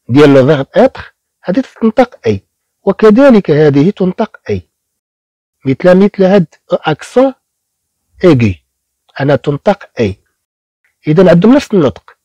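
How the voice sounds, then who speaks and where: Husky man teaching slow French. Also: a little high, dark tone, no echo, highs cut off. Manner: repeats French words slowly, syllable by syllable. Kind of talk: slow beginner French lesson in Arabic.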